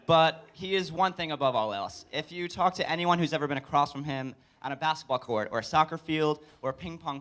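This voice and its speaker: A young adult man giving a wedding toast as best man, joking with deliberate comic pauses. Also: a little high, fairly bright tone, clear, resonant tone. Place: live speech at a wedding reception.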